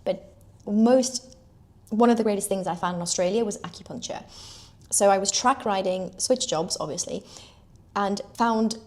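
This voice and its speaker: A woman's voice: mid-range voice, moderate pace, long pauses. Young woman from the uk chatting through her story, lots of "like", mid voice. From United Kingdom. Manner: chatty, lots of "like", animated retelling. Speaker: equestrian telling her story. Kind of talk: personal storytelling.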